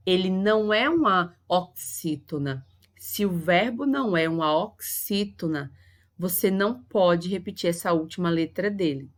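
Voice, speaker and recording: A woman English teacher, a Portuguese speaker, explaining a grammar lesson patiently and going over each point again. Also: mid-range voice. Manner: patient, repeats and spells out points.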